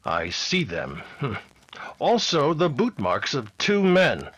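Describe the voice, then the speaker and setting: An actor playing a steady, commanding Mountie sergeant, the hero of an old-time radio adventure drama. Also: male voice, medium pitch, slow pace, breathy edge, heavily acted. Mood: grim, deliberate.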